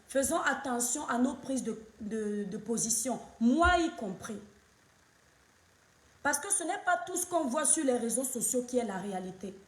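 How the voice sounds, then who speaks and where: A woman with a fairly high voice hosts a casual live stream, hoarse from a cold. She greets her viewers by name again and again in a warm, repetitive patter. The room around her rings with echo. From Cameroon.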